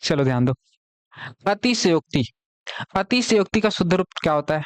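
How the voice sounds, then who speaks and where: Male exam-prep tutor, Chhattisgarh Hindi accent, slightly high voice, patient and repetitive, quizzes students; dry, close recording. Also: lively intonation, moderate pace, no room sound. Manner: explains patiently, repeats key words, asks students questions. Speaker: teacher. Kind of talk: live online exam-prep class. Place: classroom.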